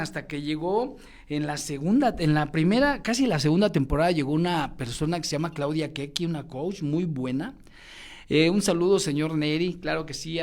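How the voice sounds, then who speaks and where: A man, a motivational speaker telling his personal story in a lively way, acting out both sides of old conversations. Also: sits high. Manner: animated, acts out both sides of dialogues.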